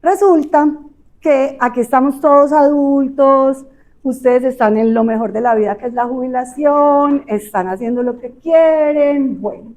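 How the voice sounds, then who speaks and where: A woman's voice: high voice, darkish tone. A woman with a Colombian Spanish accent giving a conversational talk as an audiologist, explaining things in a chatty way with frequent fillers and rhetorical tag questions. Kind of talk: conversational health lecture.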